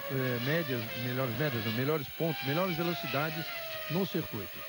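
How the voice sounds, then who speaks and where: A man's voice: medium pitch, normal speed. A man with a Brazilian accent giving live motor race commentary as the analyst, with facts and timing figures. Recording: loud engine and machinery noise.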